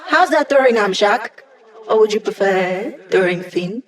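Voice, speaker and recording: A woman's voice: mid-range voice, animated, unhurried, close to an everyday voice. A woman as Hack, wry young hacker. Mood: wry, playful. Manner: wry, casual, teasing tech-savvy banter. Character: young female hacker, wry, playful tech support for villains. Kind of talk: video game character dialogue.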